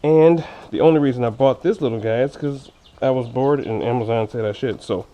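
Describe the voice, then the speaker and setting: This motorcycle vlogger, a man wearing braces that slightly impede his speech, reviews gear in a casual unboxing chat. His medium-pitched, dark-toned voice moves briskly, and he keeps things jokey and informal with self-teasing asides. The audio sounds dull, with clear background noise and clicks.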